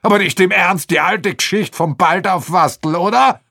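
A man voicing a short-tempered burly construction boss who shouts in dialect. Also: a little high, big pitch swings, measured pace, vocal fry, pitched above the performer's own voice, heavily acted. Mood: angry bluster. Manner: shouting, blustering dialect speech.

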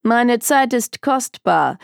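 A woman's voice: fairly high pitch, animated, takes it slowly, vocal fry, no room sound, studio quality, pitched above the performer's own voice, exaggerated voice. Woman doing a smug, scornful male detective. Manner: scornful, drawling, dismissive. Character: arrogant bored young male detective.

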